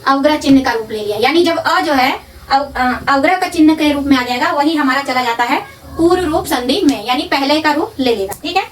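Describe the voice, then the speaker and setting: A woman teaching a grammar lesson, asking questions and answering them herself, repeating terms slowly. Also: sits high. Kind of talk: classroom-style lesson. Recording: distant from the mic.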